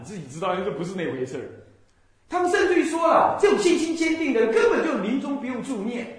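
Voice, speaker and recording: Animated Buddhist monk in a very echoey room. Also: male voice, sits high. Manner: animated and scolding, mimics the people he criticizes with bursts of laughter. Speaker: Buddhist monk and temple abbot. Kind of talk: Buddhist dharma talk.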